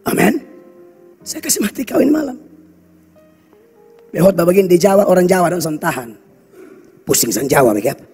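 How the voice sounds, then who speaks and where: A man preaching in a Kupang accent, his voice unusually high and husky. He scolds bluntly and drops into local slang. The sermon rings through a reverberant church hall over faint background music. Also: animated, normal speed, long pauses, a little mellow. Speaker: pastor.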